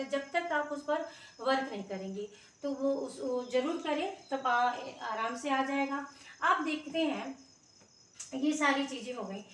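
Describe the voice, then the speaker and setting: A woman's voice: high-pitched, a bit bright, slight background noise. A woman teacher giving a grammar lesson to children, patiently sounding out letters and often checking that everyone is following. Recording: roomy echo, mic far off.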